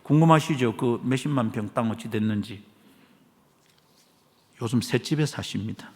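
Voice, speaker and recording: A man's voice: mid-range voice, moderate pace, a little mellow, in a large hall. A man preaching a sermon as a pastor, telling a story with humor and quoting people. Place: church sanctuary.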